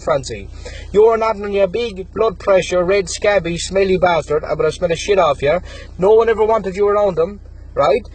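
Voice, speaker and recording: A man's voice: high voice, a little mellow, slightly rough, low-quality recording. A young Irish man in his twenties, delivering an aggressive, taunting callout rant and threatening a rival. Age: 20s. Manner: aggressive, taunting, threatening, repeats the target's name again and again. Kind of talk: angry callout rant to camera.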